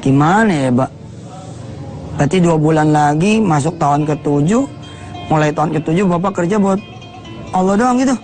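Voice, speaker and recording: An Indonesian male preacher giving a televised sermon, moving between slow drawn-out Arabic recitation and lively talk that acts out family dialogues. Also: on the high side, faint music behind.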